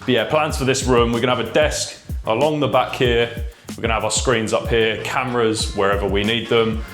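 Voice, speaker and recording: A man's voice: medium pitch, fairly even intonation, fairly quick, a bit bright. A man narrating a casual video tour to camera in an informal, explaining way, his voice echoing in a bare indoor room. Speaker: vlogger and shop owner. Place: empty stripped room indoors. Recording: echoey bare room, music behind.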